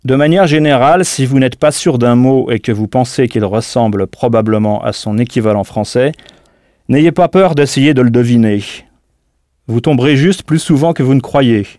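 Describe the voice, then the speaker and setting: A man leads a scripted audio language lesson in a dry studio sound with no room around him. His voice sits at an ordinary mid pitch. He talks slowly and deliberately and spells words out letter by letter. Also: darkish tone, no room sound. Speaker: language teacher.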